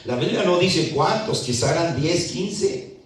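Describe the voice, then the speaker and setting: A man preaching a sermon in a church, whose slow, emphatic scripture reading climbs at times into shouting. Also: a little high, animated. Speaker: pastor. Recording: echoey church hall, mic at a distance.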